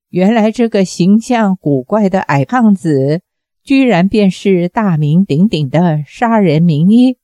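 Woman reading an audiobook, slow and steady, mellow tone, dry sound. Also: medium pitch, no room sound. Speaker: narrator. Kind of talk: audiobook narration of a martial-arts novel.

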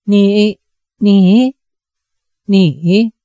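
A young male swordsman, anxious and stammering, pleading with his junior sister in a storybook reading, as a woman puts him on. The voice is slow and mellow, recorded dry and close. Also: mid-range voice, no echo.

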